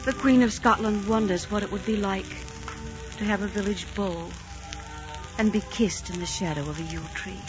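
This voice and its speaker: A woman's voice: mid-range voice, moderate pace, over music, close to an everyday voice. An actress playing a young, romantic, passionate queen with melodramatic regal delivery in a 1940s radio drama. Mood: dreamy. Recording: dull 1940s radio broadcast recording.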